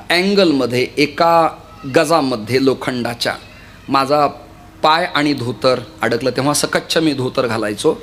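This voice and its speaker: Lively kirtan preacher. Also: male voice, a little high. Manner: lively storytelling, often urging listeners to listen. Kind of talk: kirtan sermon with storytelling.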